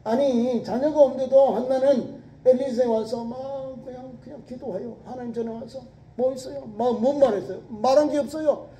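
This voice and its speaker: A male pastor with a very high, dark-toned voice preaching in an echoey church hall, heard from a distance. He drives his points with rhetorical questions and sudden emphasis, and sometimes acts out prayers in a pleading tone. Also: steady tone, normal speed. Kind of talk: sermon. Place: church sanctuary.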